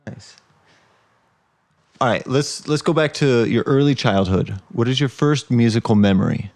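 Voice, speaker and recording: A man's voice: mid-range voice, gravelly, darkish tone, no room sound. Male podcast host, dry studio sound. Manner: short, brisk follow-up questions. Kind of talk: podcast interview.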